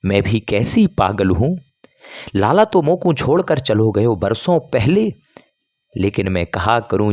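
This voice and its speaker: A man's voice: lowish voice, a little mellow, no echo. A man voicing a grieving elderly mother who pleads tearfully in rustic village speech.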